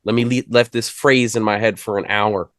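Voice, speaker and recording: A man's voice: fairly low pitch, fairly even intonation, normal speed, fairly bright tone, no room sound, clean studio sound. A man hosting a casual music chat, loose and profane, trailing off and restarting his thoughts. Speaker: host.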